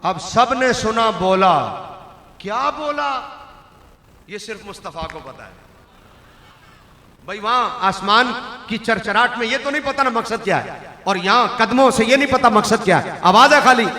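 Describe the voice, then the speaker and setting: A man preaching a sermon to a gathering, swinging from soft talk to loud, dramatic shouting. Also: high-pitched, expressive, normal speed, long pauses. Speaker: religious preacher. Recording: echoey hall with long reverb.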